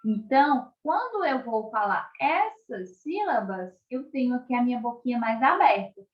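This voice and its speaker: A Brazilian woman teaching an online lesson to young schoolchildren, speaking slowly and clearly, stretching out words and often checking in with the class. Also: a little high, very animated, reverberant, muffled recording. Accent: Brazilian Portuguese. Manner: slow, clearly articulated, stretches out words for children; keeps checking in with tag questions.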